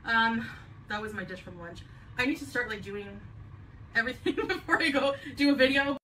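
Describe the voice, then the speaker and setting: In her home kitchen, a woman vlogger unpacks groceries and chats in a rambling way, laughing lightly as she goes. Her voice is a little high and sharp in tone, at a moderate pace. It's a grocery haul vlog caught by a camera on the counter, so the mic is distant, with faint room hum, and the audio is played back.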